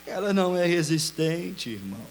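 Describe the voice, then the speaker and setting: A man, preaching a sermon as pastor, dropping to murmurs and rising to shouts. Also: on the high side, big pitch swings, normal speed, soft background music.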